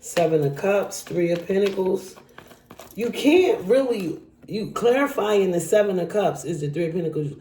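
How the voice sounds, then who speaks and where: Mellow-voiced tarot reader in an echoey room. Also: medium pitch, lively intonation, normal speed. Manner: chatty, talks straight to the viewer. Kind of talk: casual tarot reading to camera.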